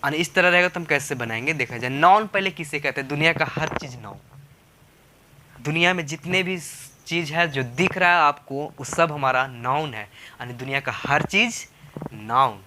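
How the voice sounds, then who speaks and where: Bright, coaxing male teacher. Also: on the high side, normal speed, a little hiss or hum. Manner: repetitive, coaxing, asks rhetorical questions. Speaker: spoken English teacher. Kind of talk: classroom lesson explaining grammar.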